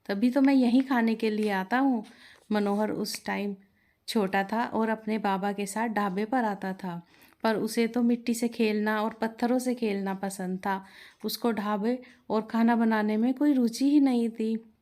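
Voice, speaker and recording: A woman's voice: mid-range voice, fairly even intonation, a little slow, darkish tone. A woman reading a moral storybook tale aloud as narrator, voicing each character in the dialogue herself.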